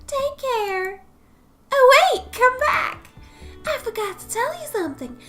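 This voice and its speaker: A woman's voice: animated, slow, a bit bright, faint music behind, full character voice. Woman putting on a syrupy sweet young wife. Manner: syrupy sweet, high and cooing. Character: doting sugary young wife.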